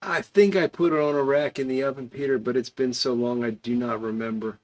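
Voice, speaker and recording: A man's voice: medium pitch, fairly even intonation, fairly quick, darkish tone, low-quality recording. A man hosting an online club hangout, chatting casually and off the cuff as he answers comments from viewers. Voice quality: gravelly, creaky voice. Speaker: host of an online pipe club.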